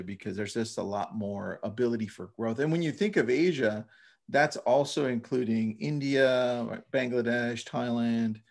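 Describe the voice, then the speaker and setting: A man's voice: medium pitch, creaky. A man in his thirties or older chatting informally and emphatically as a podcast co-host. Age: 30s or older. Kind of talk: casual podcast chat.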